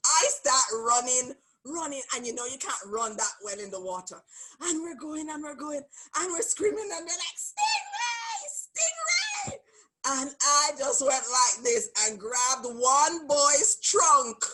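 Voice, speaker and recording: Woman host, slow and deliberate, breathy, bright tone, expressive storyteller. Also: high voice, low-quality recording. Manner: expressive, laughs through her story. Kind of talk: animated storytelling.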